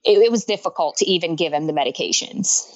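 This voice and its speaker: A woman in her thirties from Honduras talks openly in a casual interview, laughing easily. Her voice sits fairly low. The recording is dull and lo-fi. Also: quick pace. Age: 30s. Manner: open, laughs easily, talks frankly about loss. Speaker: guest artist.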